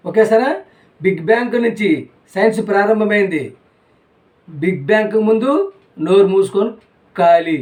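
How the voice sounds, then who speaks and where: A man preaches a sermon. He keeps asking his listeners rhetorical questions and says the same lines again and again for emphasis. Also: sits high. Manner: rhetorical questions, repeats phrases.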